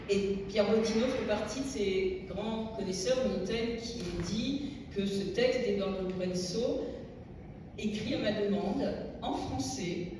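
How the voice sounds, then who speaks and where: A middle-aged French woman giving a reflective public talk at a literary tribute, pausing to search for words. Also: mid-range voice. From France. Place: large echoey hall at a public event. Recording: echoey hall, distant mic, noisy.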